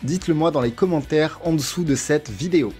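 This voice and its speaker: A man teaching English test prep from France, reading a clear, methodical scripted explanation. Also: fairly high pitch, fairly quick, a little mellow, faint music behind.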